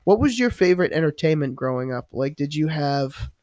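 A man's voice: fairly high pitch, animated, brisk, darkish tone, no room sound. A man with a New York accent hosting a casual podcast chat, laughing often and telling stories with animation. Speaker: podcast host.

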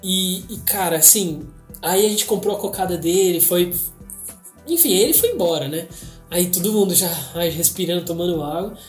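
A young man with a Brazilian Portuguese accent hosting a podcast, telling a story in casual slang with dramatic pauses. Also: high voice. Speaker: podcast host. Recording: echoey room with faint music.

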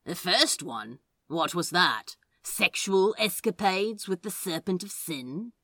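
A woman's voice: on the low side, animated, takes it slowly, sharp tone, no room sound, full character voice. A woman voicing a sardonic male demon who drawls lazily and teases. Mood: teasing. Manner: lazy drawl, mocking.

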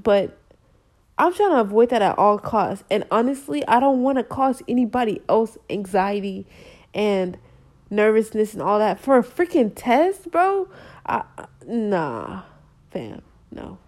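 A woman's voice: mid-range voice, expressive, unhurried, a little mellow. A woman in her twenties ranting in a casual vlog, slangy, emphatic and exasperated. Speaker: vlogger. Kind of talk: frustrated casual rant.

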